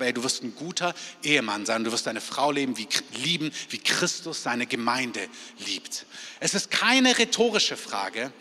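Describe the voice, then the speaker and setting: A man's voice: on the high side, bright, forceful tone. A man preaching a sermon, firing rhetorical questions at the congregation and acting out their inner voices. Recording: long hall reverb.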